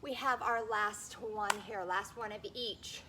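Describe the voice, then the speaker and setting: A woman leading a workout while exercising along, somewhat breathless, giving short form cues and steady encouragement. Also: mid-range voice, measured pace, a little hiss or hum. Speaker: fitness instructor leading a workout. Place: indoors on carpet.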